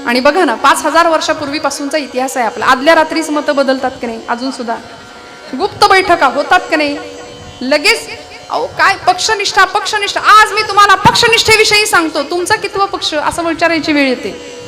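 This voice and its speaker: A woman preacher telling an epic story in a devotional kirtan, lively, with rhetorical questions and asides to the crowd. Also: sits high, fairly quick, music in the background.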